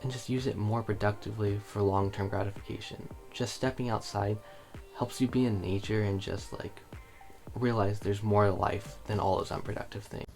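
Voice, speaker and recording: A man talking to camera in a motivational vlog, earnest and reflective, sometimes a bit halting. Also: on the low side, steady tone, a little mellow, faint music behind. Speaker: vlogger.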